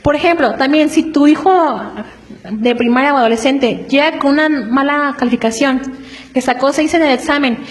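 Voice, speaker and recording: A woman preaching to a congregation in an earnest, explanatory way, often checking in with quick rhetorical questions. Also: sits high, rough recording. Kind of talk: church teaching on family.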